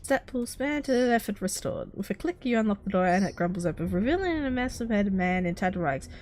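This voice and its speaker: A woman's voice: mid-range voice, lively intonation, brisk, a little mellow, slight background noise. A woman hosting a let's play, reading out the game's text and chatting about her choices as she plays. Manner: chatty, reacts aloud while playing. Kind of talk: reading game text aloud and commenting.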